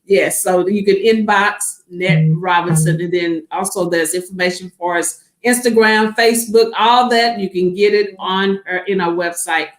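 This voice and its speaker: A woman's voice: on the low side, normal speed, hardly any pauses. A woman hosting a church talk program, wrapping up the show and giving out sign-up details. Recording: roomy echoey sound.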